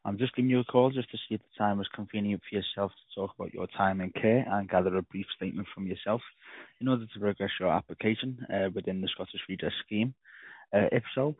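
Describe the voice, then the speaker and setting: A man's voice: on the low side, slightly rough, no room sound. Man on a tinny phone line. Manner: polite and formal. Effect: over a landline phone. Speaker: caller from a law firm. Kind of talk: leaving a voicemail message.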